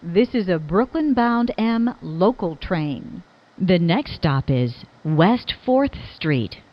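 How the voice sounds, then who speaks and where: A subway train announcer, a woman with a slightly low voice, reads scripted transit announcements slowly and deliberately. Her phrases sound formal, clipped and pieced together, though her intonation stays lively. The recording is somewhat dull and lo-fi.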